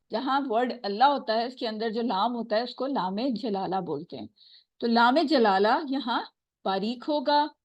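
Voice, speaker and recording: A woman teaching Quran recitation, patiently explaining and slowly repeating sounds to demonstrate them. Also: fairly high pitch, no room sound. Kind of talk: tajweed lesson.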